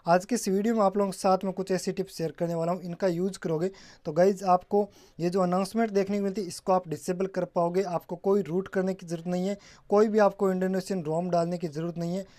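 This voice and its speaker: A man whose voice sits high, with a darkish tone, walks through a casual step-by-step tech tutorial. He often calls his viewers "guys" and mixes in English terms.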